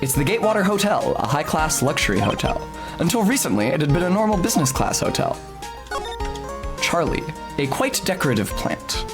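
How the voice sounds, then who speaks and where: A man's voice: on the high side, very animated, fairly quick. A man reading a video game aloud as a playthrough, with wry, playful asides. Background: music.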